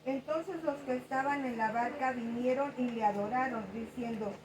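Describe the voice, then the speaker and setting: A woman reading a Bible passage aloud in a slow, measured way. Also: high-pitched, fairly even intonation. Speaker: scripture reader. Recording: distant, echoey, noisy room mic.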